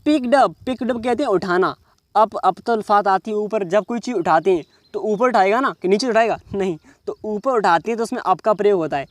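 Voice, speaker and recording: Slowly reading out English words, a man explains every one in Hindi during a reading lesson, regularly checking understanding with "समझ रहे हो". His voice sits high, and there's no echo.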